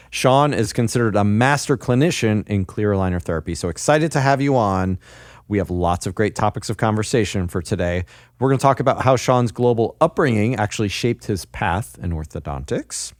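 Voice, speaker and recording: A man's voice: on the low side, no room sound, studio quality. A man hosting an interview podcast, upbeat and jokey, laughing often in casual chat. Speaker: podcast host. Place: hotel.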